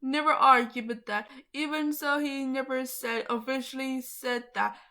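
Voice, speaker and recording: With a high, bright, forceful voice and fairly even intonation, a woman reads aloud to the viewers of her channel at normal speed. She keeps it casual and chatty, giggling a lot and getting sidetracked easily.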